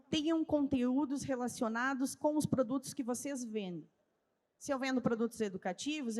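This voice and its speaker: Speaking in a large event hall to a live audience, a woman with a southern Brazilian gaúcho accent presents a didactic talk at a trade fair, answering her own questions. Her voice sits on the high side and sounds a little mellow. Long hall reverb trails her words.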